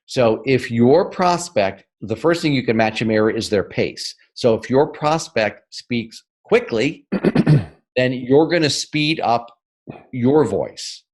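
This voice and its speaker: A medium-pitched man from the northern United States appears as a guest on an interview podcast, teaching sales technique with energy and emphasis. He often asks "right?" and speeds up or slows down to drive his points home.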